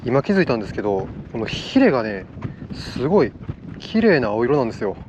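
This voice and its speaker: Cheerful fishing vlogger, male, slight Kansai accent, animated pitch, outdoor recording with clear background noise. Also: brisk, dull audio. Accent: slight Kansai dialect. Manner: upbeat, excitable, laughs often. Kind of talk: casual outdoor vlog narration. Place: outdoors on an island shore.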